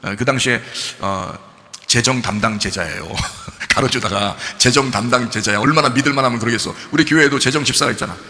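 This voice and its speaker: A male pastor preaching a sermon, telling a story with lively swings between casual and polite speech to his congregation. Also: medium pitch, a little fast, long reverb tail. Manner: animated storytelling, switching between plain speech and polite address. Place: church sanctuary.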